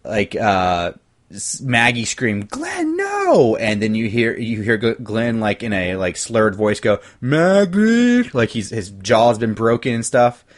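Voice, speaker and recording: A man's voice: fairly low pitch, fairly even intonation, unhurried. Rambling man hosting a podcast. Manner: rambling, restarts often, swears casually. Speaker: podcast host. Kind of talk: casual podcast chat. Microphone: desktop USB mic.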